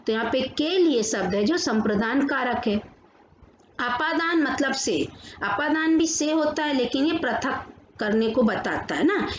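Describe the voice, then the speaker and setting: A woman teaching a grammar lesson to children. She asks questions and answers them herself, and slows down to read out definitions. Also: high-pitched. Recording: echoey room, dull lo-fi sound with faint noise.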